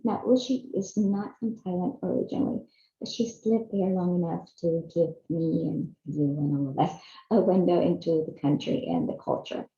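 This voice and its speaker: A Chilean woman in her fifties earnestly narrates a personal video series she hosts. Her voice is lowish, creaky and mellow. The room sound is echoey and slightly dull.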